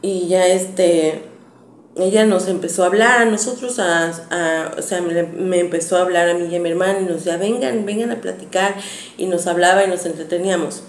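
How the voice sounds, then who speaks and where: A woman's voice: fairly low pitch, steady tone, fairly quick. A woman tells a personal story in an earnest, hesitant, conversational way. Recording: echoey room with faint background noise.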